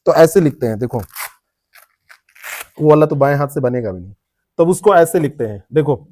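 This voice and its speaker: A man's voice: fairly high pitch, animated, moderate pace, warm tone. A man teaching a classroom lecture, explaining word meanings, repeating terms and quizzing students by name. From India.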